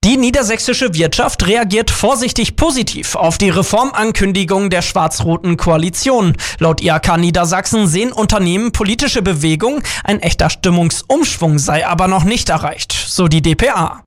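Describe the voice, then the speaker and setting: A man reading regional radio news in a formal, even way. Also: high voice, normal speed, few pauses. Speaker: newsreader.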